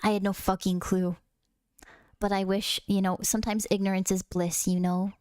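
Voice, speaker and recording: A woman's voice: medium pitch, level tone, normal speed, a little mellow, clear, resonant tone, no echo. A woman streaming a game, chatting in a bubbly, casual way with frequent swearing. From United States. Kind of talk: casual gaming stream chat.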